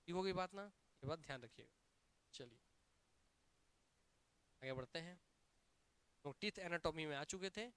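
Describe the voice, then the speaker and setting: A male coaching teacher with a Chhattisgarhi Hindi accent, giving a lively classroom lecture and drilling students with repeated questions and answers. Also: fairly high pitch, clear, resonant tone. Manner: energetic, emphatic.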